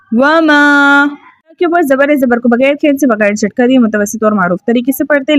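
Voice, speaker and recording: Woman tajweed teacher, high voice, dry close sound, patient step-by-step explanations. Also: no room sound. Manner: explains rules step by step, often asks "ठीक है?". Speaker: Quran recitation teacher. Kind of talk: tajweed lesson with recited examples.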